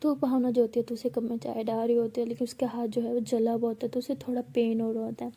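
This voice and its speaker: A woman's voice: on the high side, level tone, fast talker, warm tone, husky. A woman telling a love story aloud in a chatty, casual storytelling way. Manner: chatty, repetitive story narration.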